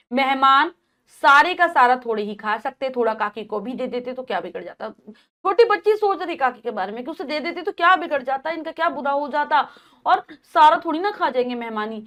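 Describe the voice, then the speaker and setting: A woman teacher reads a play aloud and explains each line in plain, simple words. Her voice sits a little higher than most. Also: a bit bright.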